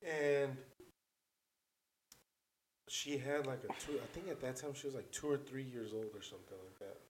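A man with an average-pitched voice tells a story in a relaxed, rambling way. He leans on filler words and swears freely, like he's chatting with friends. The room around him gives the voice a noticeable echo. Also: moderate pace, noisy background. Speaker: storyteller on a podcast. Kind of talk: casual chat. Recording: roomy echo.

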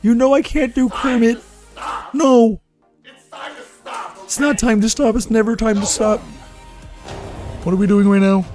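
A man with a hoarse voice doing a strained, squeaky impression of a male frog puppet, playful and half-mocking. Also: fairly even intonation, unhurried, long pauses, a little mellow, faint music behind. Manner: high strained falsetto, playful.

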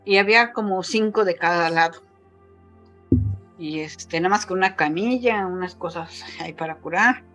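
With faint music behind her, a woman in her fifties speaks in a lowish, fairly bright voice at a moderate pace, her Mexican accent clear. She recounts an emotional personal story as a casual interview guest, filling it with fillers and lifting her voice to quote others.

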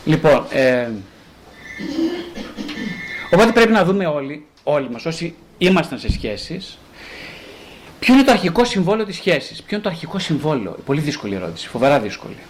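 A male psychotherapist talking casually about relationships, rhetorical and animated, acting out the voices he quotes. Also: a little high, pauses often, a little hiss or hum.

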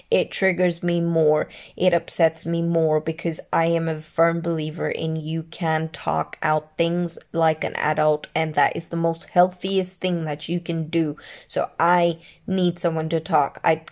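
Low, gravelly woman telling a raw story. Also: a little mellow. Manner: candid, emotional, swears freely. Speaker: mother telling her own story. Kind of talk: personal storytime vlog.

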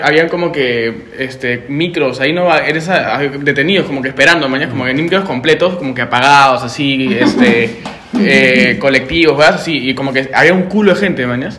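A young Peruvian man spins a loose, swear-heavy story, tossing in tag questions and street slang as he goes. His voice is pitched a bit high and sounds bright and forceful. The recording carries a roomy echo. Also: a little hiss or hum. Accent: Peruvian Spanish. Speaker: guest storyteller. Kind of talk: casual anecdote telling.

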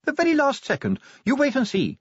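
A fretful noblewoman insists all will be well in a raised voice, as a man puts her on. Her pitch climbs high and lively. The sound is dull and lo-fi. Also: brisk, dry recording. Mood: anxious. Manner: high, breathless reassurance. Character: anxious, insistent noblewoman mother. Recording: dull lo-fi audiobook recording.

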